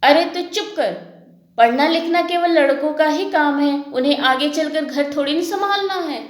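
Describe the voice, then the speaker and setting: A woman's voice: high voice, moderate pace, lightly acted. A woman voicing a stern, scornful old village grandmother who scolds the girls. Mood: scolding. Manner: scolding, dismissive. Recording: echoey room.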